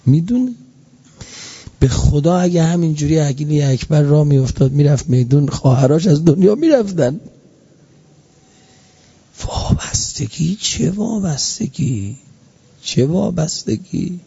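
A man with a somewhat high, expressive voice, vocal fry, a breathy edge and frequent pauses delivers an impassioned mourning sermon. He repeats phrases as his loudness swells and sinks, and the lo-fi recording sounds dull.

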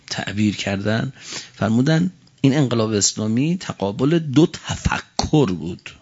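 A man's voice: medium pitch, gravelly, husky. Fiery male preacher, lo-fi. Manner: fiery oratory, swinging from quiet to shouting; chants Arabic quotations slowly. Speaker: cleric preacher. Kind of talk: religious sermon.

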